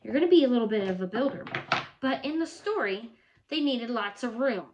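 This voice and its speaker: Animated woman reading to preschoolers. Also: fairly high pitch, fairly quick, highs cut off, noisy background. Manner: animated, gasping storyteller; chatty with children. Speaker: preschool teacher. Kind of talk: reading a picture book aloud to children. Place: home.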